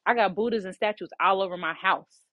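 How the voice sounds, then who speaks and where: A chatty woman tells a personal story in a loose, animated way, and her pitch jumps around as she goes. The sound is dull and lo-fi, dry and close, with no room around her. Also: a little fast, dry recording. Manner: casual and animated, often repeating "you know". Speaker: psychic medium and podcast host.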